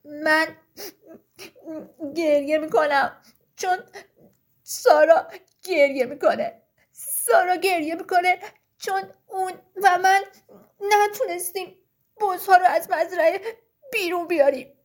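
A woman voicing a helpful fox in a children's story, dropping her voice lower and speaking steadily. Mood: kindly.

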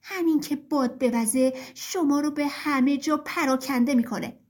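A woman voicing a bold young boy who loudly challenges the forces of nature in a storybook. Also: sits high, close to an everyday voice. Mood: challenging. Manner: challenging questions, raised voice.

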